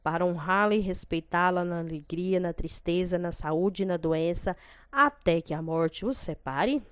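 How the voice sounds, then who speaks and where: A woman's voice: fairly low pitch, unhurried, clear, resonant tone, dry recording, clean studio sound, natural voice. A woman voicing a male priest who speaks in a solemn, formal way.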